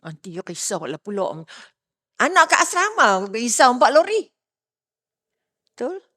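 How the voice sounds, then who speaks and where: A middle-aged Malaysian woman preaching to a congregation in a bright, forceful voice pitched a little high. She keeps asking her listeners questions and swings from loud emphasis to a hush. The sound is dry and close. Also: very animated, measured pace, dry recording. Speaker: religious teacher. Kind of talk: religious talk to a congregation.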